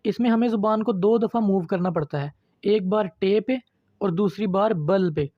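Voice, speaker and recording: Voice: mid-range voice, moderate pace, no echo, dull audio. An online literature lecturer giving a patient, step-by-step video lesson and addressing viewers as friends.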